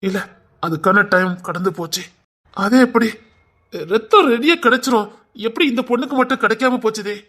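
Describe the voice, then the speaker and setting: A man with a Tirunelveli Tamil accent playing a calm, reassuring hospital doctor. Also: high-pitched, brisk.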